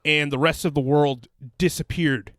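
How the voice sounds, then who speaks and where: Man, podcast co-host, casual chat, slightly high voice, dry close sound, excitable, swears a lot. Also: moderate pace, dry recording.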